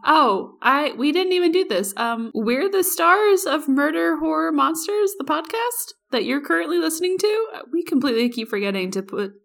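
A woman's voice: sits high, lively intonation, moderate pace, creaky, few pauses, a bit bright. A woman co-hosting a podcast in casual comedic chat, teasing and slipping into little imagined dialogues. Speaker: podcast co-host.

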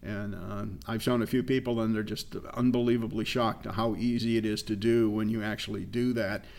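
A man co-hosting a casual tech advice show, explaining things in a relaxed way with frequent fillers. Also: on the low side, a little fast, gravelly. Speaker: co-host.

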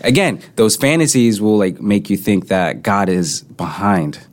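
A man's voice: on the low side, lively intonation, unhurried. A young man co-hosting a casual podcast chat, reflective and thinking aloud, with many filler words. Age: young adult. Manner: reflective, heavy use of filler "like". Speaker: podcast co-host.

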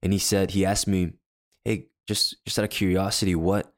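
Sharing a story from his own life in easygoing conversation, a podcast co-host and worship leader with a deep voice meanders, restarting often and using many fillers. The delivery is flat and the pace moderate.

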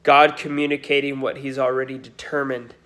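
A man's voice: medium pitch, flat delivery, a little fast, fairly bright tone. A pastor giving a Sunday sermon, his voice nasal today, speaking earnestly with frequent restarts. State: nasal from a cold.

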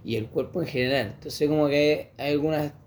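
A man's voice: on the high side, steady tone, a little fast, a little mellow, a little hiss or hum. Joking Chilean man, slangy banter. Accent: Chilean Spanish. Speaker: podcast co-host. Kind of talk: casual chat.

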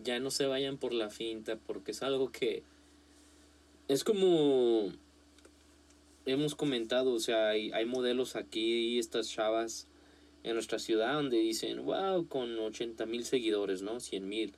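Man, podcast guest, slow unhurried pace, hesitant with fillers. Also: mid-range voice, fairly even intonation. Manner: hesitant, many fillers, restarts. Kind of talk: casual podcast chat.

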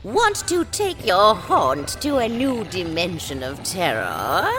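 Woman playing a slow, sultry spooky hostess, breathy purr. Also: lowish voice, huge pitch swings, a bit bright, exaggerated voice. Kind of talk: spooky scripted radio advertisement. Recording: music bed behind the voice.

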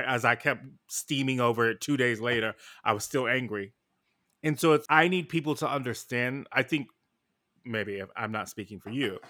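A man's voice: mid-range voice, a bit bright. An American man co-hosting a casual podcast, talking thoughtfully and hesitantly with many fillers. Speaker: podcast co-host.

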